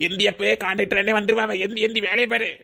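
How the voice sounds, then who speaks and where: A gravelly, gruff cartoon laborer, voiced by a man, gives blunt advice. His voice sits high and sharp for a man, with a rough edge on every word. He sounds set back from the mic. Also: level tone, racing, heavily acted. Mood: gruff consoling. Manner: blunt, scolding.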